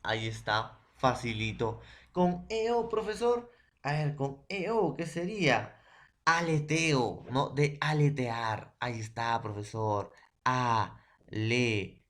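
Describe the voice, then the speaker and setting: A man's voice: medium pitch, very animated. A man from Peru teaching a secondary school language lesson, sounding out words syllable by syllable and asking his students "ya?" and "no?" to check they follow. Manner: slow, syllable-by-syllable spelling out of words, with frequent "¿ya?" and "¿no?" checks; poses questions and answers them himself. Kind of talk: classroom lesson.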